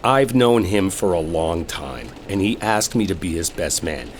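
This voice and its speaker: Voicing an exasperated coworker in an enemies-to-lovers audio drama, a man argues while driving, sarcastic, irritated and cursing, with bitter exasperation in every line. He speaks low, animated and unhurried. Storm rain and car ambience sit under the recording.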